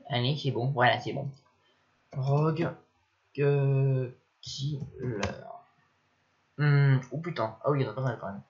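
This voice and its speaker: A man's voice: medium pitch, unhurried, long pauses. Young guy, mid-range voice, chatty tutorial narration that rambles and mutters. Muffled lo-fi mic. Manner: rambling, thinks aloud, mutters at software. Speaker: tutorial maker. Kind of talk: casual screen-recorded tutorial. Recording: dull lo-fi mic.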